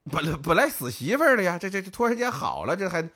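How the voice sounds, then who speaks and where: A man, co-hosting a podcast and telling a folk tale in lively, casual speech, putting on the voices of the villagers. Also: high-pitched, quick pace. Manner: lively storyteller, acts out village voices, northern colloquial. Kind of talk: casual storytelling chat.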